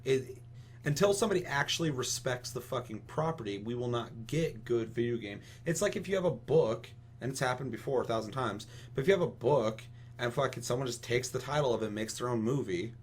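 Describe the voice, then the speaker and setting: A podcast co-host with a medium-pitched, breathy-edged voice talks briskly in a casual, opinionated discussion. He speaks vehemently and swears heavily, over a steady audible hum and noise.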